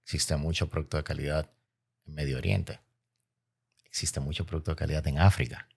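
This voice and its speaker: A man with a Caribbean Spanish accent from the Dominican Republic speaks in a very low, creaky voice. He explains his points in an interview with oratorical emphasis, repeating key phrases. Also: steady tone, fairly quick. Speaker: interview guest, logistics expert.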